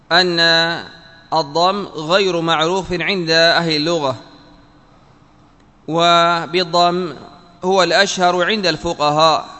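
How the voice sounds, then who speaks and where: A man giving a religious lesson, explaining a classical text in measured, deliberate phrases. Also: on the high side, sharp tone, long reverb tail. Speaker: religious teacher.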